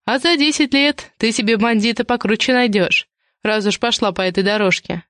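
A woman reading an audiobook and voicing a sharp-tongued, mocking woman who interrogates others. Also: fairly high pitch, moderate pace, no echo, studio quality, close to an everyday voice. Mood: grim. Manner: snorting, sarcastic, interrogating.

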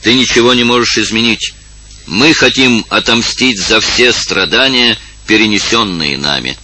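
A man reading aloud and voicing a vengeful male rebel villager who shouts defiantly. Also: lowish voice, normal speed, voice pushed up, low-quality recording. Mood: furious.

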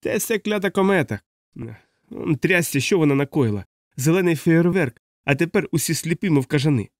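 A man's voice: a little high, animated, brisk, no echo, clean studio sound, voice pushed up, lightly acted. A man reading an audiobook, voicing a drunk, blind, stout middle-aged publican who talks in a slurred, boisterous, self-pitying way. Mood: drunken grumbling. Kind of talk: audiobook character voice.

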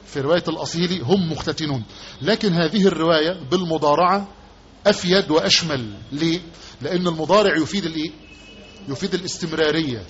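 Egyptian sheikh teaching, slightly high voice. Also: male voice. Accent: Egyptian Arabic. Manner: repeats key words and quizzes listeners with rhetorical questions. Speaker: sheikh teaching hadith commentary. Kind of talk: religious lesson. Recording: dull lo-fi lesson recording with faint background noise.

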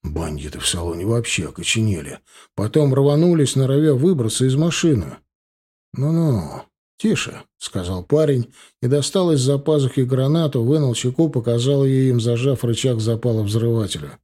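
A man narrating a first-person audiobook with a brisk, tough-guy delivery. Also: mid-range voice, lively intonation, mellow.

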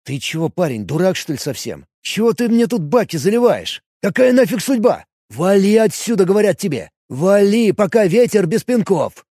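A man voicing a belligerent, coarse male elf warrior who yells threats in an audiobook. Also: high voice, expressive, a little fast, dry recording, studio quality, pitched above the performer's own voice. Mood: hostile. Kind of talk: audiobook character voice.

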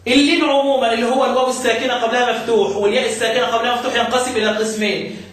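A high-voiced man with an Egyptian Arabic accent teaches a recitation lesson, asking his students questions and drawing out key terms. He is picked up from a distance in a very echoey room, with faint noise underneath. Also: little pitch movement, very fast, a bit bright.

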